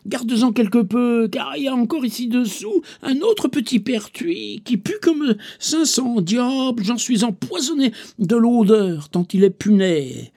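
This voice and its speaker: A man's voice: very high-pitched, animated, unhurried, vocal fry, hardly any pauses, mellow, exaggerated voice. A man voicing a disgusted male fox who pleads and complains. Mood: pleading.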